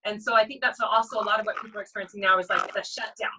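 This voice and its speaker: A woman's voice: mid-range voice, fairly even intonation, very fast, bright, forceful tone, slight background noise. A young adult woman co-hosting a casual spiritual chat, talking earnestly and repeating herself as she works through a point. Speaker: co-host. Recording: distant mic.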